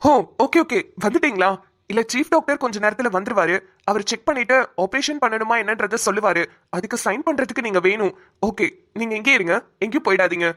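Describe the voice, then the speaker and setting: A woman voicing a hospital doctor in a cartoon who calmly explains and soothes a worried relative. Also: fairly high pitch, a little fast. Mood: calm explaining. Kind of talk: cartoon voice acting.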